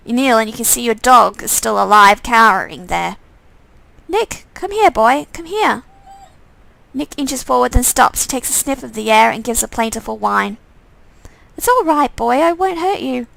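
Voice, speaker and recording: Gravelly woman reading a game aloud. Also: on the high side, no echo, rough recording. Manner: steady second-person narration with small slips. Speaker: streamer reading a visual novel.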